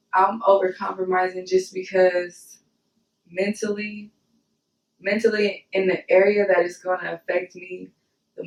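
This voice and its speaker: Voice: mid-range voice, creaky, dull audio. A co-host in a casual, candid chat who talks things through reflectively and checks that they are understood. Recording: echoey room, far from the mic.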